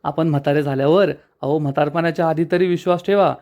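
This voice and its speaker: A man voicing a calm, persuasive young married woman from a TV serial, speaking earnestly as he retells the scene. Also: on the high side, fast, highs cut off, lightly acted. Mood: coaxing.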